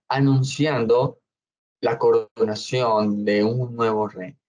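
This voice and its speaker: A man preaching a slow, measured Bible study sermon as pastor, often checking in with his congregation. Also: mid-range voice, a little mellow, low-quality recording.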